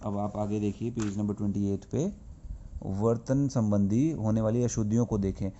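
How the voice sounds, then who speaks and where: A man's voice: on the low side, steady tone, moderate pace, dark tone, dull audio, slight background noise. A male school teacher giving a grammar lesson, explaining patiently and asking and answering his own questions. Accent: Hindi-speaking north Indian.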